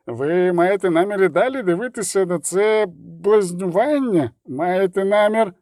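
A man doing an angry gruff dwarf. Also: fairly high pitch, wildly swooping pitch, a little slow, no echo, studio quality, exaggerated voice. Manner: shouting, indignant.

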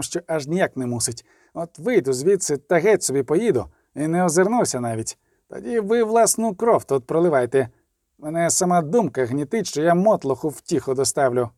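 A man's voice: on the high side, expressive, normal speed, mellow, no room sound, clean studio sound, close to an everyday voice. A man voicing a haughty nobleman who speaks with scorn and indignation. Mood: scornful. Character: haughty angry male nobleman.

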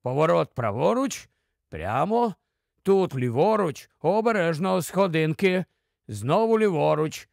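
A man's voice: a little high, lively intonation, a little slow, creaky, dry recording, studio quality. A man voicing a small, cautious male dwarf guide in an audiobook. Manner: hushed, careful.

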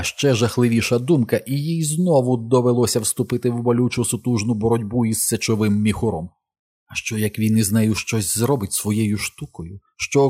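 A man reading a novel aloud as an audiobook narrator, in a measured, dramatic way. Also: mid-range voice, warm tone, breathy edge.

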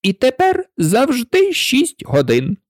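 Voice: mid-range voice, slow, dry recording, clean studio sound, voice pushed up. A reader voicing a rambling, eccentric hatter. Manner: rambling and excitable, with frequent hesitations. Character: mournful, eccentric hatter, male. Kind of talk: storybook reading.

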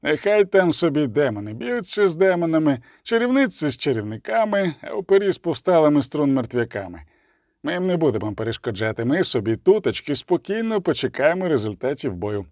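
A man's voice: on the high side, big pitch swings, brisk, dry recording, studio quality. A man voicing a stern mercenary commander. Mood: commanding. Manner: firm, loud and decisive.

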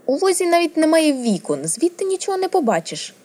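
A woman reading a storybook, voicing a lively, stubborn tomboyish young noble girl with loud, eager exclamations. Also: high-pitched, brisk, voice pushed up.

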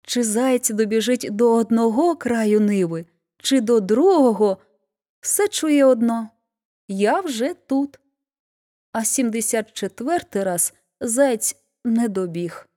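A woman narrating a fairy tale aloud in an expressive storybook reading. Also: a little high, slow.

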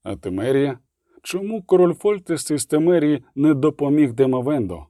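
A man voicing a calm, terse witcher who asks level questions. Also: on the high side, moderate pace, no room sound, clean studio sound.

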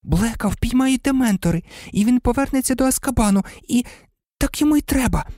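A man's voice: very high voice, lively intonation, brisk, warm tone, dry recording, clean studio sound, voice pushed up. A man voicing an anxious teenage schoolgirl who urgently pleads with her friend. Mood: pleading. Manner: urgent, imploring.

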